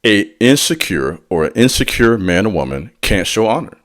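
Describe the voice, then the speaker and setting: A man with a fairly low, slightly bright voice speaks at normal speed in a sing-song, preacherly rhythm. Slangy and direct, he addresses his audience head-on, teaching on spiritual matters in a motivational talk sprinkled with call-and-response asides.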